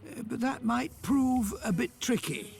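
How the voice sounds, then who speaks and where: An actor voices a fussy older male inventor for a game, explaining things patiently but a bit condescendingly. The man's voice is very high-pitched, animated and exaggerated, a little slow, with vocal fry.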